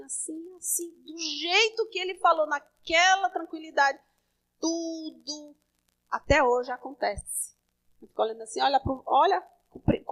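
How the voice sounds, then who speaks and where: A woman pastor preaches in a high voice. She talks to the congregation like a conversation, dropping to quiet asides and then rising into emphatic calls. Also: poor audio. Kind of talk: sermon.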